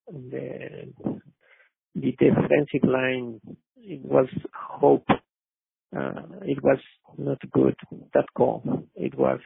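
Gravelly, raspy man on the phone. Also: mid-range voice, no room sound. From Mexico City, Mexico. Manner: hesitant, polite, many "uh" fillers. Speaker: caller. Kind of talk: call-in sports talk. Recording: dry phone line.

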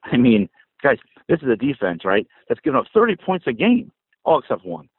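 A man's voice: medium pitch, huge pitch swings, brisk, creaky, slight background noise. An American man phoning in from inside a car with rain falling on it, talking emphatically and conversationally as a fan caller. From New Jersey, United States. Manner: conversational, emphatic, addressing listeners directly. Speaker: podcast caller. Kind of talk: fan voicemail commentary on football. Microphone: phone call. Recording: roomy, narrow phone-line sound.

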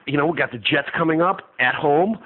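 A man's voice: fairly high pitch, brisk, husky. Upbeat man calling in by phone. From Chicago. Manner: upbeat, chatty, laughs between points. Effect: phone line of a call-in show. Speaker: radio show caller. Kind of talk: casual fan call-in. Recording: tinny phone line.

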